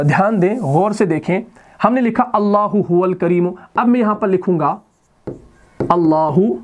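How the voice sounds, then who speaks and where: A man teaching Arabic grammar at a board, asking his own questions and repeating key words slowly for his students. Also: high-pitched, a little mellow. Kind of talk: recorded classroom lesson at a board.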